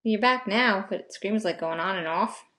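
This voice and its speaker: A woman's voice: medium pitch, normal speed, sharp tone. Joking woman podcast co-host. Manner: joking, laughs often. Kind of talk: casual podcast chat.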